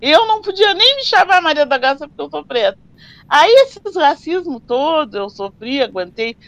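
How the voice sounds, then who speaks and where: An older woman, recalling her working life in an oral history interview and telling her stories in an animated way. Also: sits high, normal speed, no echo. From southern Brazil. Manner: animated storyteller who acts out dialogues. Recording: slightly dull, dry recording.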